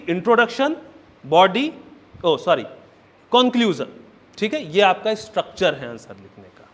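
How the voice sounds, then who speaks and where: A male coaching teacher, giving a classroom lecture, laying out points one by one and asking "right?" often. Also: high-pitched. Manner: checks in often with "right?" and "okay?"; explains step by step, counting points aloud.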